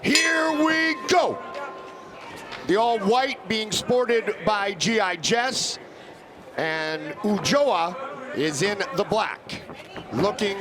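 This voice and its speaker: A man hosting live fight coverage as play-by-play commentator, with an emphatic, polished broadcast delivery. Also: high voice. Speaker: play-by-play host. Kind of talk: live sports commentary and interviewing. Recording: live broadcast with loud crowd noise.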